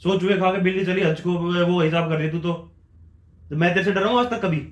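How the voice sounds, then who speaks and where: A man pranking his wife at home, bickering in a gruff, stubborn way. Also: sits high, a little fast, echoey room. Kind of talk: staged prank banter. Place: bedroom at home.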